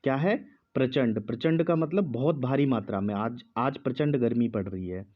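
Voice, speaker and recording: Male teacher, slow measured dictation, muffled lo-fi sound. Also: medium pitch. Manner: speaks slowly with pauses, repeats each word. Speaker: Hindi teacher.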